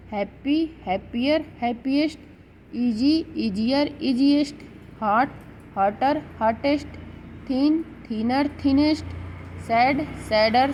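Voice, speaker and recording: High-voiced woman teaching grammar. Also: darkish tone, slight background noise, low-quality recording. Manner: slow, explanatory, repeats words while correcting herself; sounds out syllables word by word. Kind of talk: exam-prep video lecture.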